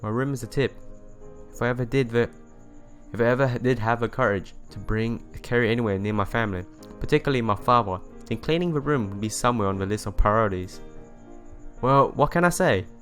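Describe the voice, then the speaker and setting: Music plays behind a man who briskly reads a visual novel aloud, his voice medium in pitch and fairly bright. He slips in offhand asides and occasionally trips on words before going back to fix them.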